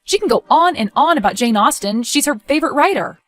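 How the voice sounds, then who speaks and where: A woman playing a skeptical, sharp-tongued adult daughter in scripted story dialogue, expressive and conversational. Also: high-pitched, fairly quick, soft background music. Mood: chatty, confiding.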